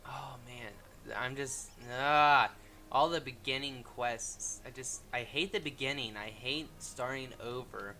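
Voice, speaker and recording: A man's voice: medium pitch, unhurried, bright, forceful tone, slight background noise. A man hosting a game walkthrough with casual commentary, thinking aloud informally.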